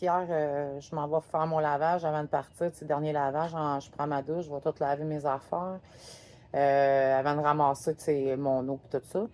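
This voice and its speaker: A woman with a low voice and a Québécois French accent talks through her day on the road. Her talk is loose and rambling, full of filler words. She chats to her viewers from a parked RV. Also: a little mellow. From Quebec, Canada. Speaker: RV travel vlogger. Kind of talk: casual travel vlog recap. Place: parked RV in a parking lot.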